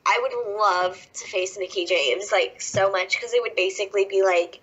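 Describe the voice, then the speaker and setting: A woman's voice: mid-range voice, moderate pace, a bit bright, slightly rough. A woman in her twenties with a Southern US accent, a wrestler talking emotionally on a casual podcast interview, laughing often. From American South. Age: 20s. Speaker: wrestler guest. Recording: dull lo-fi podcast audio.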